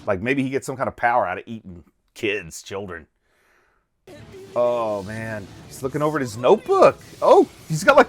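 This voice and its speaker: A middle-aged man giving casual, jokey running reaction commentary as host, chuckling and exclaiming as he goes. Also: medium pitch.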